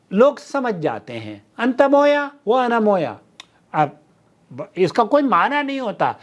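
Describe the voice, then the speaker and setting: A man hosting his channel, explaining things in a casual talk and filling pauses with drawn-out "aa" sounds. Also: high-pitched. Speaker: channel host.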